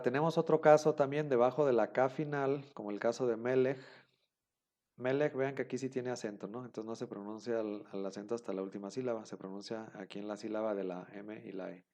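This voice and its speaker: A man's voice: medium pitch, a little mellow. A man teaching a class, patiently repeating the rules with many fillers. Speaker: Hebrew teacher. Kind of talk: online class explanation.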